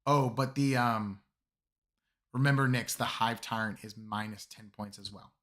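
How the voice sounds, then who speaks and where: A man hosting a live stream, with a voice still raspy from a cold, chatting upbeat and casual with his viewers. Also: lowish voice, unhurried, a bit bright. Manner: upbeat, talks to chat. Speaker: streamer host.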